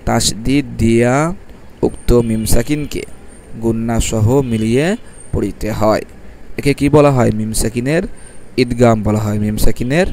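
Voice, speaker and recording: A male teacher with a soft, warm voice explains recitation rules at a mid pitch. He spells letters out one at a time and draws the syllables out slowly, answering his own questions as he goes. Faint traffic noise sits behind him. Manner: asks questions and answers them himself, repeats each rule. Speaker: Quran reading teacher. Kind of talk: step-by-step recitation lesson.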